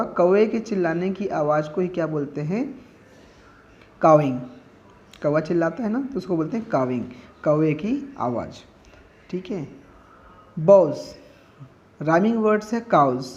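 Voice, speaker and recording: Male teacher, unhurried classroom drill, slightly high voice, lo-fi sound. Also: a little mellow. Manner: repeats words slowly for students to echo, with frequent check-ins. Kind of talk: classroom vocabulary lesson.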